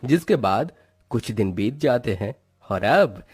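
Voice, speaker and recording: A man narrating a cartoon story as a lively storyteller. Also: fairly low pitch, a little slow, slightly rough, no echo, clean studio sound.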